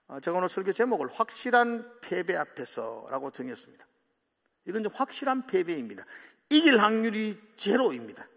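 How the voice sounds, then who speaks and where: A man's voice: very high voice, husky, big-room sound. A man preaching a sermon as pastor, animatedly acting out the words of the people in the story. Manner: animated, acting out quoted taunts and pleas. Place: church sanctuary.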